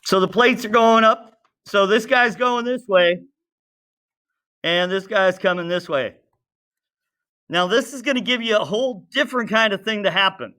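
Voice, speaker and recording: High-pitched and sharp, the man keeps a moderate pace but pauses often. He's a teacher running an informal science lesson, drawing while explaining, asking the class questions, and chattily narrating to himself.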